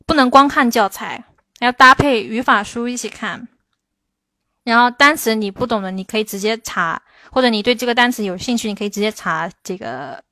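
A woman's voice: on the high side, bright, forceful tone, dry recording. Woman teaching English on a livestream. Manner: explains with slow, stressed English examples. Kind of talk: livestream Q&A lesson.

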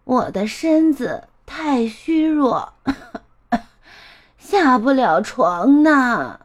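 A frail, kindly grandmother in a storybook speaks slowly and gently, voiced by a woman. Her words stretch out in a soft, lilting way. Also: high voice, very animated, full character voice. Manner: slow, gentle. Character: weak, kindly old grandmother in bed. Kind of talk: storybook voice acting.

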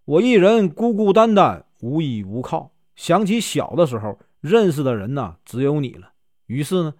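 A man's voice: mid-range voice, a little mellow, no room sound, clean studio sound. A man voicing a teasing, coaxing young fox woman in a storybook tale, with a Northeastern Mandarin accent.

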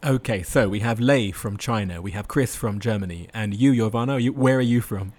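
A man's voice: lowish voice, a little fast, darkish tone. A man hosting a conversational interview, putting questions to a guest. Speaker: interviewer, host.

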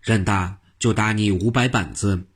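A man voices a joking, mischievous old monk in a spoken storybook, using a husky, low voice. He speaks at normal speed with a teasing, playful manner and a mock-stern mood.

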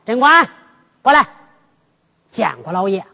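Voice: mid-range voice, big pitch swings, measured pace, vocal fry, sharp tone, in a large hall, exaggerated voice. A storyteller voicing a stern, bossy male county magistrate, barking orders in a drum-ballad performance. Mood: commanding.

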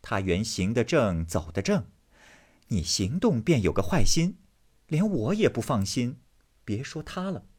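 Sly teasing young maid, voiced by a man, husky, slow, swooping pitch, storybook reading. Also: sing-song, a little mellow. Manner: playful, teasing.

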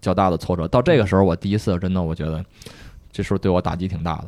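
Fast-talking young man telling stories. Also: low-pitched, no room sound. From China. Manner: soft-spoken, relaxed storytelling with frequent restarts. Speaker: guest, police officer. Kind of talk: casual podcast chat.

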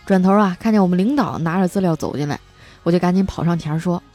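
A woman host telling comic stories in a lively, chatty way, stretching out her sentence-end particles. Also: fairly low pitch, fast, faint music behind. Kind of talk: comic storytelling monologue.

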